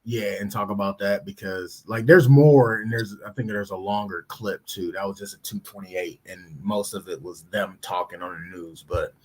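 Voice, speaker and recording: A man co-hosting a podcast in casual chat, agreeable, giving short replies and trailing off softly. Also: fairly low pitch, steady tone, moderate pace, hardly any pauses, breathy edge. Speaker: podcast co-host.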